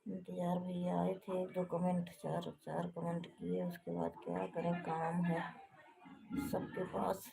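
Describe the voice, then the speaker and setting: A woman casually chatting with viewers on a live stream, speaking softly and hushed from a balcony at home. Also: lowish voice, creaky, low-quality recording. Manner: speaks softly and hushed to avoid waking others.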